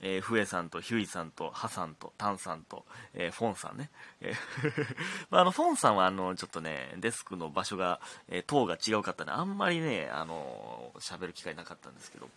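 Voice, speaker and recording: A man in his thirties speaks in a Kansai accent, hosting a casual solo talk show and reading out listener letters. His voice sits low but swings widely in pitch, and a slight hoarseness runs through it. He laughs often and sometimes drops into muttered asides. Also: very animated, a little fast, bright, forceful tone. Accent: Kansai Japanese.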